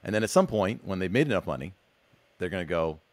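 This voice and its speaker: A man hosting a podcast, chatting casually with a guest, relaxed and sometimes restarting his sentences. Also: sits low, fast, no room sound. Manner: relaxed, talks in lists, frequent restarts. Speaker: podcast host. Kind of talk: casual interview conversation.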